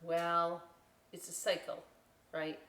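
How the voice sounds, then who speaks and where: Reading to children at library story time, a woman uses a fairly low, slightly bright voice that's completely flat and slow. She's still playful and informal, making chatty asides and checking in with "right?", and the distant mic gives a roomy sound with faint background noise.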